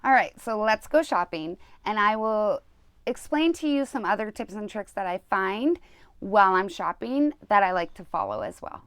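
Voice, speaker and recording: A woman's voice: mid-range voice, expressive, normal speed, fairly bright tone, dry recording. A woman vlogger giving casual, conversational how-to tips. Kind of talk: casual how-to vlog chat. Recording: clear background noise.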